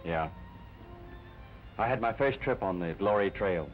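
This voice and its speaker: An actor playing a young, self-mocking wartime flying lieutenant with a wry, self-deprecating manner, in early talkie film sound. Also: male voice, lowish voice, animated, unhurried. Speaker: pilot. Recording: dull 1930 film soundtrack, faint music.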